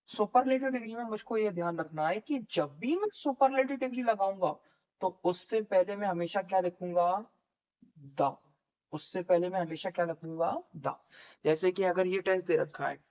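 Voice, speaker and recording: हिंदी लहजे वाला एक पुरुष शिक्षक, जो अंग्रेज़ी व्याकरण पढ़ाते हुए खुद सवाल पूछता है और खुद ही जवाब देता है।. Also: male voice, high-pitched. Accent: Hindi. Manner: asks questions and answers them himself, repeating key words. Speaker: English grammar teacher. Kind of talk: classroom lecture. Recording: dull lo-fi recording.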